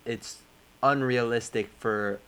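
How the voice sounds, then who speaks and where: A young man in casual chat, curious and quick with follow-up questions. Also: mid-range voice, fairly even intonation, a bit bright, smooth.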